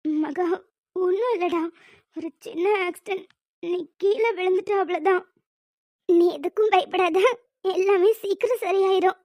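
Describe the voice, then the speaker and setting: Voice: extremely high pitch, a little slow, long pauses, darkish tone, no echo. A performer voicing an anxious, caring young woman, an older sister, who talks in a worried, tearful, pleading way.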